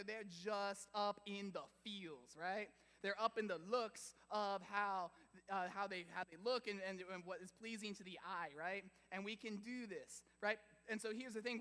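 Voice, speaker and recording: A man preaching to a middle-school youth group, animated and chatty, telling stories and quizzing the audience. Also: high voice. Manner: animated, chatty, full of fillers and audience questions. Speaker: youth pastor. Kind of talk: youth group sermon storytelling. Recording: echoey hall.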